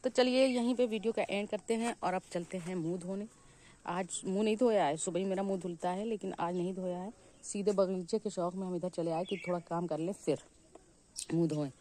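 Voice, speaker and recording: A woman's voice: mid-range voice, brisk. A woman filming a casual gardening vlog in her home garden, chatting to the camera and calling out to her cat. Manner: chatty, calls excitedly to her cat, scolds it. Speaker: gardening vlogger.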